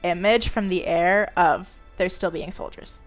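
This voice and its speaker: A woman's voice: on the low side, fairly even intonation, measured pace, faint music behind. A woman playing a tabletop game, giggly and eager. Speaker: player. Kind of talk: casual tabletop play.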